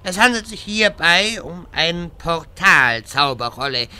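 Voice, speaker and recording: Man as a high, bright, pompous wizard. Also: animated, a little slow, clean tone, exaggerated voice. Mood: chatty, self-important. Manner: pompous, long-winded. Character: rambling pompous male wizard obsessed with portals. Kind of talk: scripted fantasy comedy dub.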